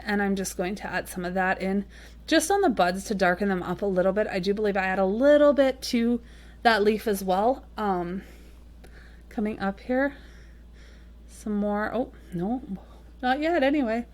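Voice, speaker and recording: A woman's voice: mid-range voice, lively intonation, moderate pace. A woman talking casually through a watercolor painting tutorial, chatty and rambling with frequent ums and little apologetic asides. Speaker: watercolor card-making tutorial host.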